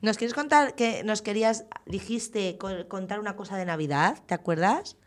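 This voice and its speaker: At medium pitch and a moderate pace, a woman teacher runs a children's school radio program. She draws out small children patiently with soft questioning.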